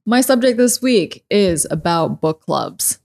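A woman's voice: medium pitch, lively intonation, slow, vocal fry, darkish tone. A woman co-hosting a podcast, chatting casually across a kitchen table at home. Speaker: podcast co-host. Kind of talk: casual chat. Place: kitchen table in a living room.

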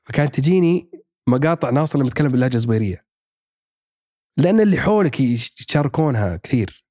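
A man's voice: medium pitch, expressive, quick pace, warm tone, no room sound, clean studio sound. A man, chatting casually as a podcast guest, thinking aloud with many fillers and restarts. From Saudi Arabia. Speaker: podcast guest, actor and writer. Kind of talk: casual chat.

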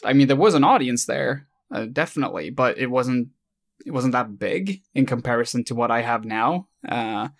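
A man's voice: mid-range voice, a bit bright. A man from Sweden, a YouTube creator chatting casually and reflectively, often restarting his sentences. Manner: hesitant, self-correcting, thoughtful. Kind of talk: casual conversation.

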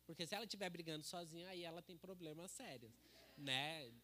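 A man's voice: a little high, a little fast, sharp tone, slight background noise. A man giving a casual church sermon into a handheld microphone, chatty and joking, with many tag questions. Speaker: preacher.

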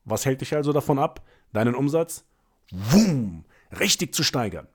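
A man hosting a motivational sales-coaching podcast, talking energetically and emphatically, swinging between loud bursts and quiet, low asides. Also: very animated, normal speed, husky.

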